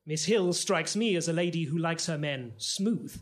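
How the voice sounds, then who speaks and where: A man's voice: on the high side, normal speed, lightly acted. A man voicing a vain, pompous doctor sidekick in a comedy audio drama, boastful about himself.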